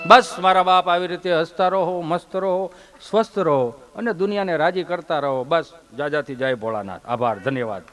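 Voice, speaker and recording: A man's voice: on the high side, normal speed, soft background music. A man telling a comic folk story to a live audience, chatty and often addressing the listeners as sir. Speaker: comedian.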